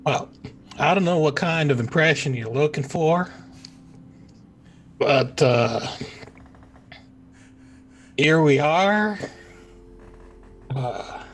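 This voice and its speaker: A man's voice: a little high, expressive, faint music behind. A man playing a tabletop game, joking dryly in character. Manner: slow, dry joking. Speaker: player. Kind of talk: casual tabletop role-play.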